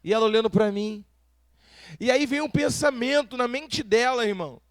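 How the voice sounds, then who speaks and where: High-voiced Brazilian man preaching. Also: moderate pace, no echo. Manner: preaching with rhetorical questions to the congregation. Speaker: pastor. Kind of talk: sermon.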